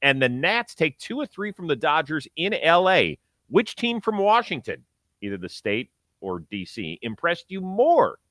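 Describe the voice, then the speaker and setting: A man's voice: fairly high pitch, big pitch swings, measured pace, pushed and bright, no room sound, studio quality. A man hosting a sports talk show, giving conversational commentary with emphatic, punchy phrasing.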